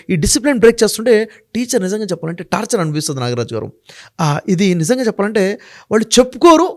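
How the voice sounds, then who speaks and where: Guy talking fast in an interview, high lively voice, going through his points one by one. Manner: emphatic, works through numbered points; asks the host rhetorical questions. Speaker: interview guest. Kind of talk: explaining in a sit-down interview.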